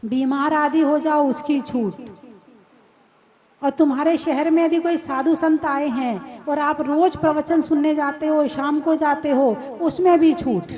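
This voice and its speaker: Woman preacher, high and unhurried, chatty sermon style that teases the crowd and asks them questions. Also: darkish tone. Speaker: Jain nun preaching. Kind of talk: sermon to a live audience. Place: hall with a live audience.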